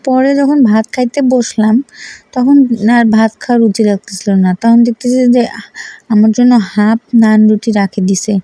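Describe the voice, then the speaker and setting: A woman's voice: a little high, steady tone, moderate pace, dark tone, no echo. A woman vlogger from Rangpur, Bangladesh, chatting in a casual, rambling voice-over and often correcting herself.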